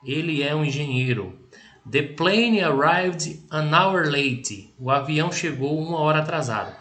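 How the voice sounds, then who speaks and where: A man with a Brazilian Portuguese accent teaching an English lesson. He explains patiently, checks in often and reads example sentences slowly before translating them. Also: on the high side, expressive, fairly bright tone. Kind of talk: recorded language lesson.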